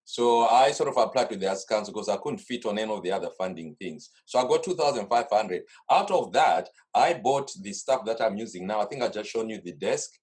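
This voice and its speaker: In a casual video-call interview from his home studio desk, a middle-aged Zimbabwean carnival organiser speaks animatedly and a little fast, with hardly any pauses. His voice is on the low side, darkish, with a breathy edge. He rambles through long stories and keeps restarting.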